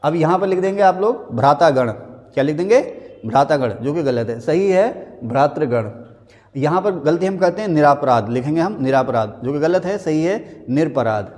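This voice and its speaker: A man teaching a Hindi spelling lesson, naming each common mistake and then slowly spelling out the correct form. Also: a little high, animated, a little mellow, big-room sound. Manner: drills words, stating the wrong and the right spelling again and again; slows right down to spell a word out. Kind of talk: classroom-style spelling lesson.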